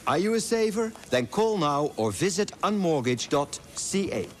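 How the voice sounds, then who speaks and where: Lively male commercial announcer. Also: high-pitched, moderate pace. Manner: upbeat salesy read. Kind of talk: radio-style commercial read.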